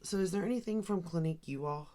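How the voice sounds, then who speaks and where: Her low, warm voice moves fast as this forties-aged beauty vlogger does her makeup and chats casually. She wanders from thought to thought, thinking aloud with plenty of ums and likes in this get-ready-with-me video.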